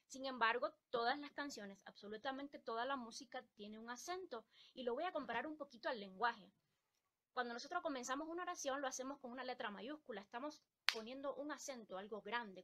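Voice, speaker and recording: A woman's voice: a little high, sharp tone. A woman from Ecuador teaching a live-stream music lesson, explaining patiently and singing rhythm syllables to show the beat.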